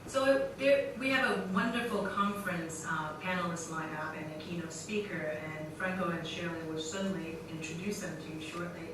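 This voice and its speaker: A woman's voice: on the low side, steady tone, normal speed, hardly any pauses. Woman heard far off in a very echoey hall. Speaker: school representative. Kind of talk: formal welcome address. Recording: very echoey hall, distant mic, noisy.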